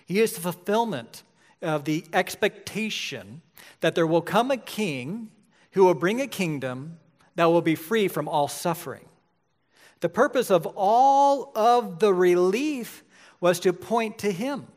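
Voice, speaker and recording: Forties guy preaching a sermon, kinda high voice, chatty, always asking right?. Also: animated, measured pace, a little mellow. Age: 40s. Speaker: pastor.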